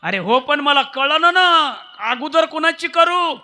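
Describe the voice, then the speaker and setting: Man playing a nervous king, high voice, bright, anxious pleading tone. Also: slow, in a large hall, full character voice. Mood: fretful. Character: anxious old king, worried about sin.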